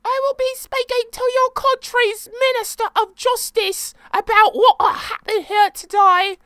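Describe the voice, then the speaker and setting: A woman putting on a shrill snooty English lady. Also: lively intonation, moderate pace, a bit bright, no echo, studio quality. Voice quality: mock-posh, exaggerated high voice. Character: haughty snobbish English lady witness. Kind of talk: reading game dialogue aloud.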